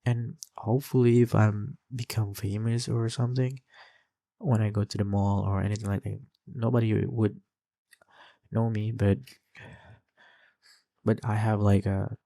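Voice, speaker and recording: Unhurried and pausing often, a young Indonesian-accented gaming channel host rambles as he plays, full of fillers and restarts. His lowish voice is warm and creaky with a level tone, and there's no room sound.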